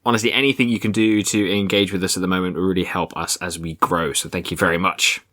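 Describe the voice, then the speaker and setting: A man's voice: low voice, fairly even intonation, fast, a bit bright. A man hosting a podcast in casual conversation, recorded in the attic of a house. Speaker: podcast host. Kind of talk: casual chat. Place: attic room of a family house.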